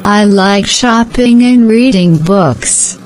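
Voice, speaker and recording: A woman giving slow, scripted answers in a repeated language-practice dialogue. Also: mid-range voice, a little mellow, slight background noise, low-quality recording.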